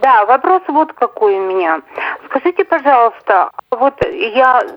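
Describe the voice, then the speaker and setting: Женщина звонит в прямой эфир, её голос немного выше обычного и звучит глухо и приглушённо, как через телефонную линию. Она задаёт вопросы осторожно, с запинками. Звук сухой, без эха. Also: female voice, sits high, very animated, measured pace, no echo. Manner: careful, hesitant questioning. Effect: dull, muffled phone line into the studio. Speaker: caller. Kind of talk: call-in question on a radio show. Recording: muffled phone line.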